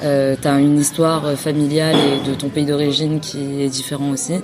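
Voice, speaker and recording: A woman's voice: sits low, flat delivery, normal speed, noisy background. A woman who was born in France, a podcast guest, talks casually and thoughtfully with many fillers and restarts. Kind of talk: casual conversation.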